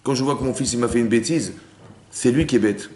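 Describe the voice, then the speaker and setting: A man's voice: medium pitch, brisk, a little mellow. A man, a rabbi, giving a spoken Torah lesson to a women's class. He mixes Hebrew terms into his talk and keeps asking his listeners if they understood. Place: lecture room with listeners. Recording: roomy room with faint background noise.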